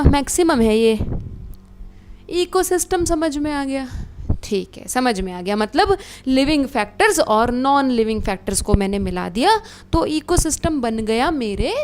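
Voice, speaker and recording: Woman teaching biology online, high voice, animated and chatty with students. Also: a little hiss or hum. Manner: animated, addresses students as beta, asks checking questions. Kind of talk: online exam-prep lecture.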